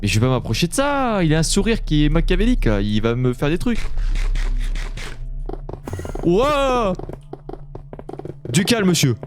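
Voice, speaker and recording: Gaming YouTuber, male, higher voice that swings widely, jumpy and foul-mouthed, chatting to the monsters over faint music. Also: fast talker, few pauses, a little hiss or hum. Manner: excitable, swears, yelps when startled; talks to the game monsters. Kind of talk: live Minecraft let's-play commentary.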